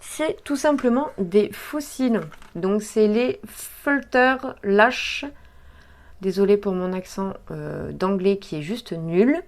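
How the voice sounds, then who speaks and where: A woman's voice: medium pitch, expressive, unhurried, hardly any pauses, dark tone. A woman, chatting casually as she unboxes makeup, with frequent hesitations and fillers. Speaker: beauty vlogger.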